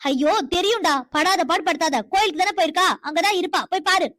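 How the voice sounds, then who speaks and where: A high, quick-talking cartoon mother, as a woman plays her, bossy and scheming, scolding her grown son in a commanding tone. The recording is dry and close. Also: fairly bright tone, no room sound. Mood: domineering. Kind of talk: cartoon voice acting.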